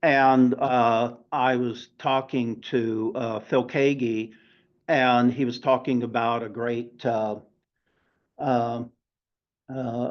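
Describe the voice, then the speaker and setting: A man in his seventies teaching a class, often pausing and filling gaps with "uh" and "um". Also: medium pitch. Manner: halting, many filler sounds. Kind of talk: lecture to a class. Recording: dull lo-fi recording.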